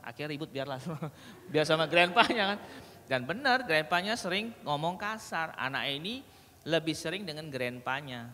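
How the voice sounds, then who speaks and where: Addressing an audience at a parenting sharing session, a man with a medium-pitched voice tells stories and acts out dialogues with humour. His seminar talk is animated and lively. The reverberant hall adds faint background noise.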